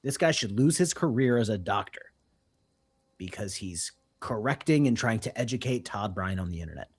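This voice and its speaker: Animated mocking man streamer. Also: fairly low pitch, normal speed, breathy edge. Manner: mocking, animated, swears freely. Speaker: streamer reacting to a clip. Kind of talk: casual reaction commentary.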